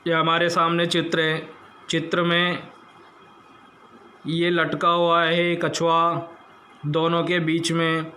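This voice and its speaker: Slow, bright-voiced man teaching a text. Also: fairly high pitch, slight background noise. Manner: reads a line, then translates it word by word; explains grammar with questions to the class. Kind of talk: line-by-line translation lesson.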